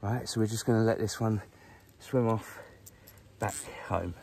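Chirpy angler by a lake. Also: male voice, fairly low pitch, unhurried, vocal fry, husky. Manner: chirpy, chatty, excitable. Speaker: carp angler vlogger. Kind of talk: casual outdoor fishing vlog. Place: lakeside outdoors, crouched by the water.

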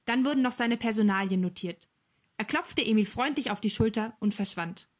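A woman narrating a children's novel as an audiobook, with clear, lively storytelling. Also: fairly high pitch, normal speed.

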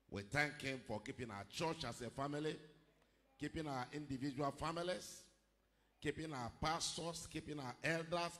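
A middle-aged male pastor giving a measured sermon into a handheld microphone at a pulpit, rising to emphatic declarations. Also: medium pitch, a bit bright. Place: large church hall, indoors. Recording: long hall reverb.

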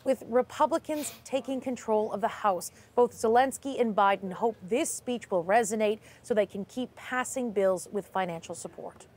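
High-voiced woman reporting live. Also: normal speed, hardly any pauses, darkish tone. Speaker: Washington news correspondent. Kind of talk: live news analysis. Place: TV studio, indoors.

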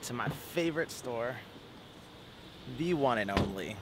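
A young man in his twenties vlogging casually to a handheld camera, relaxed and joking, in his car and a parking lot. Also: mid-range voice, a little slow, background noise. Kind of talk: casual vlog chat. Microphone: handheld camera at arm's length.

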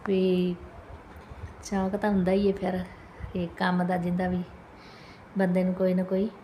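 Chatty Punjabi woman vlogger, fairly even pitch. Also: measured pace. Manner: chatty, homely, addressing viewers with polite tags. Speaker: family vlogger, mother. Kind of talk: casual home vlog narration. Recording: clear background noise, home ambience.

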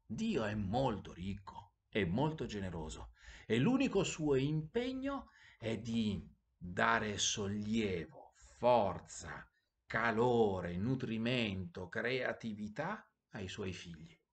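A man, a priest, narrating a bedtime story in an expressive, sing-song storytelling manner. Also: on the low side, takes it slowly. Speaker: priest telling bedtime stories.

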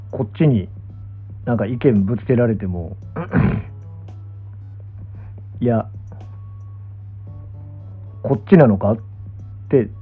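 A young man with a Kansai accent talks off the cuff in a casual stream chat. His pitch moves around a lot as he muses and hedges. The sound is narrow and phone-like, with faint music underneath. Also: husky. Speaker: pro gamer and streamer. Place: small indoor room, lying down. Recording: muffled, thin phone-like audio.

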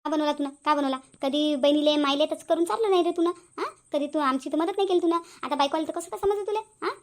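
A woman's voice: high voice, quick pace, natural voice. A woman voicing a quarrelsome middle-aged mother-in-law in a cartoon, nagging and accusing. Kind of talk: cartoon voice acting.

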